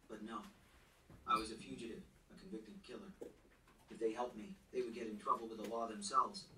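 A man's voice: lowish voice, background noise. A man reading a novel aloud in the first person, in a tense, earnest storytelling manner. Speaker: audiobook narrator. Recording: roomy echo, distant mic, faint ambience.

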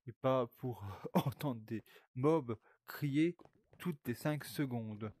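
A man's voice: medium pitch, slow pace, a little mellow, slight background noise. Streamer, young man, loose rambling VR gameplay chatter, swears a lot. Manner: rambling, swears often, talks to viewers. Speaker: streamer playing a VR game. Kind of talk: casual gaming commentary.

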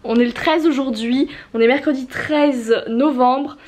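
A woman's voice: sits high, a little slow, darkish tone. A woman of twenty-four with a stuffy nose, chatting casually and rambling about her writing progress with slang and swearing. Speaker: writer vlogging her progress. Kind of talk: casual chat.

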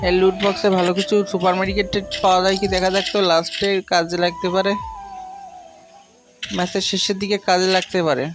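A man's voice: high-pitched, level tone, brisk. A man giving informal gameplay commentary, talking straight to his viewers and muttering to himself as he plays. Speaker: gaming video creator. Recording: music behind the voice. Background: music.

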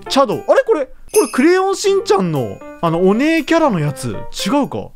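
A woman giving casual let's-play commentary, chatty and excitable, laughing often as she reacts. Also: high-pitched, brisk, faint music behind. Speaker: gaming YouTuber.

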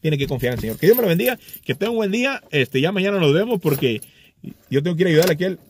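A middle-aged man giving casual, animated motivational advice to lawn care workers, acting out little voices and repeating himself often. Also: on the high side, racing, slight background noise. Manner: animated, acts out hypothetical voices, frequent "ok" and repetitions. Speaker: lawn care business vlogger.

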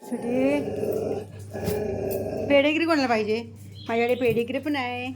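A woman's voice: fairly high pitch, moderate pace, heavy background noise. A woman vlogging casually at home, showing things around the house and coaxing her pets in a sing-song baby-talk voice.

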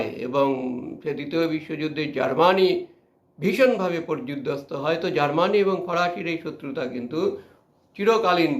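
A man's voice: sits high, fairly bright tone, reverberant. A man teaching a literature class, reading a passage aloud and then explaining it line by line with frequent fillers. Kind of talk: line-by-line text explanation lesson.

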